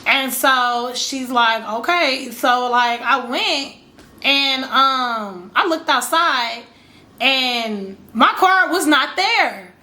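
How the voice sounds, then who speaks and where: Speaking very slowly in a high-pitched, bright voice, a woman vlogs a casual story to camera. Her telling rambles chattily, she says "y'all" to viewers, and she dramatizes her reactions.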